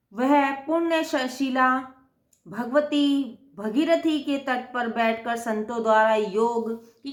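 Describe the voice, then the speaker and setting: A woman reciting a devotional scripture in a measured way, with small self-corrections, in an echoey room. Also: high-pitched, fairly bright tone. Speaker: scripture reader.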